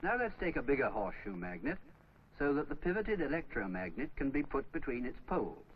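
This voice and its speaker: Very animated and brisk, a man's mid-range voice carries the didactic, step-by-step script of a 1950s instructional film. The recording is the dull, noisy soundtrack of an old film.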